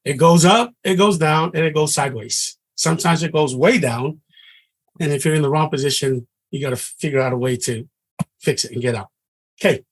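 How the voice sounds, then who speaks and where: A brisk, somewhat high male voice belongs to a middle-aged trading instructor from Samoa. He teaches his class in an earnest, conversational way, often breaking off and starting sentences anew.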